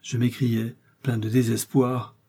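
A man reading a story aloud in a grave, steady narration. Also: mid-range voice, normal speed, slightly rough. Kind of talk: audiobook reading.

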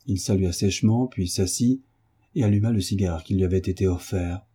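Male audiobook narrator, low and very dark, measured delivery. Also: slightly rough.

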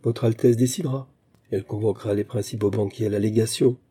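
Elderly prime minister in a storybook reading, formal and deferential, as a man reads him, low husky voice. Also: steady tone, fast talker, dark tone. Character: old male prime minister, stiff and dutiful.

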